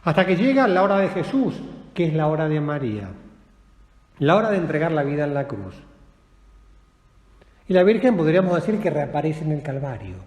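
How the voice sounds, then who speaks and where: A man preaches a meditation, slow and solemn, often dropping to a soft close at the end of a phrase. His voice sits fairly high for a man. The sound is roomy, with a long reverb tail as in a large hall. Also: sing-song. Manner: slow, solemn, with long pauses and softened endings. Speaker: priest. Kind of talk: meditative sermon.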